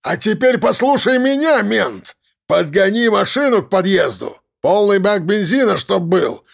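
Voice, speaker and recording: A man voicing a desperate shouting criminal. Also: high voice, animated, unhurried, vocal fry, voice pushed up, exaggerated voice. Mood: snarling. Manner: shouting threats. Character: desperate armed male criminal, snarling, nervous.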